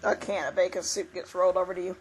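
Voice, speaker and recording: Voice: medium pitch, little pitch movement, quick pace, breathy edge, low-quality recording. A roleplay game master narrating events in a plain, matter-of-fact way. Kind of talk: narrating a tabletop-style roleplay.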